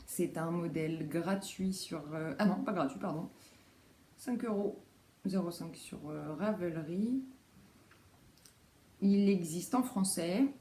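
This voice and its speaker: Female knitting vlogger, relaxed and mellow, rambling show-and-tell delivery, roomy home recording. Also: on the low side, takes it slowly, pauses often. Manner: rambling, many fillers and self-corrections. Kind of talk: casual show-and-tell chat. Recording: roomy echo, faint background noise.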